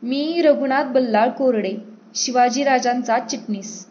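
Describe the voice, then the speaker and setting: A woman reader voicing a steady, dignified male royal envoy who speaks firmly and measuredly. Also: high-pitched, lo-fi sound. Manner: firm, measured, stern.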